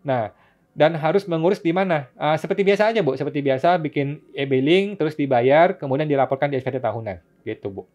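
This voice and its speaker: A man's voice: on the high side, expressive, fast, darkish tone. A man hosting a casual live-stream Q&A, reading viewers' questions and answering them patiently with frequent chuckles. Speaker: tax consultant host answering viewer questions. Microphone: phone or laptop mic for live stream. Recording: dull lo-fi live-stream audio.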